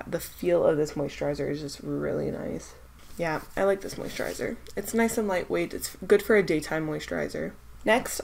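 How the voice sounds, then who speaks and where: The speaker is a young beauty vlogger testing skincare samples in a casual vlog, her nose stuffed up from a cold. She talks with a fairly low pitch, vocal fry, and a darkish tone over slight background noise, chatty but hesitant and full of fillers as she thinks things through.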